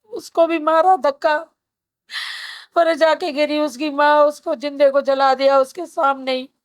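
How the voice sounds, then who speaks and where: A woman in her fifties gives a grave, steady personal testimony in an interview, telling it in short phrases. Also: high-pitched, a little slow, no room sound. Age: 50s. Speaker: survivor interviewee.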